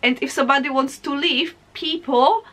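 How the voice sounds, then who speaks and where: With a high-pitched, slightly bright voice at normal speed, a young woman from Poland vlogs to camera. Her Polish-accented talk is casual and animated as she addresses her viewers.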